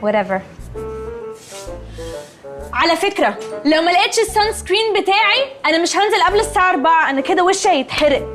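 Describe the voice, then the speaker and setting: A woman's voice: very high voice, very animated, fast, long pauses, music in the background. An actress playing a snooty, snappish young woman in a TV comedy, with an Egyptian accent and a curt, haughty manner. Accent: Egyptian Arabic. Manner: curt, haughty, drops English words. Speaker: sitcom character. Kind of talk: TV comedy acting.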